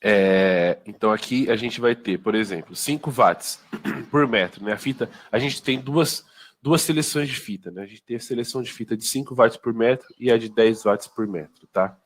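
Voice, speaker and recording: A man's voice: mid-range voice, normal speed. A man with a Brazilian Portuguese accent giving an informal sales training talk, conversational and full of tag questions and fillers. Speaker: product presenter.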